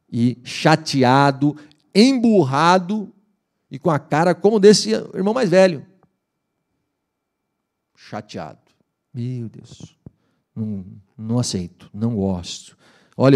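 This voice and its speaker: A pastor preaching to his congregation. He talks in a lively, colloquial way and slips into the voices of the people in his story, his pitch rising and dropping sharply. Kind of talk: sermon. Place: church hall.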